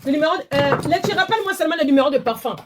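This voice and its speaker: High-voiced woman selling live. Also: expressive, racing, noisy background. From DR Congo. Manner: pleading, repetitive, chatty. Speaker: live-stream seller. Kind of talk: live-stream sales pitch.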